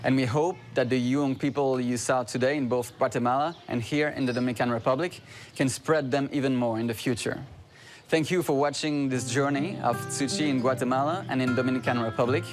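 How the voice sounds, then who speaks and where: A man's voice: mid-range voice, brisk. A man presenting a documentary news program, giving a formal scripted sign-off from on location. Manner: steady, formal delivery. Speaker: reporter and presenter. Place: on location abroad. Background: guitar music.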